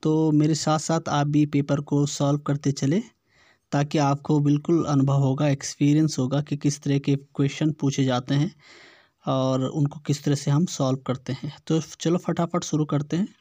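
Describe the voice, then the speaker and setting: A man teaching an exam-prep lesson, reading test questions aloud slowly and repeating words to show their pronunciation. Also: on the high side, level tone, warm tone, no room sound.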